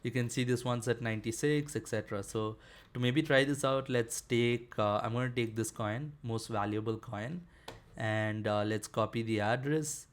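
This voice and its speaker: A man talks through a software tutorial at an ordinary mid pitch. His delivery is relaxed and conversational, with lots of small fillers and restarts as he clicks through a demo. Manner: casual, filler-heavy explaining with frequent "uh" and "basically". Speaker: developer tutorial presenter. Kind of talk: screen-share coding tutorial.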